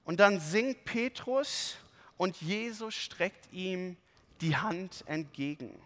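A man preaching a sermon, reading scripture aloud and explaining it with lively, expressive emphasis. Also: sits high, takes it slowly, in a large hall.

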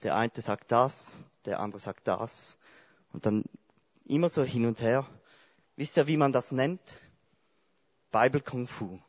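A man preaching a sermon, telling the story in a lively way and speaking straight to his congregation. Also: medium pitch, unhurried, pauses often, lo-fi sound.

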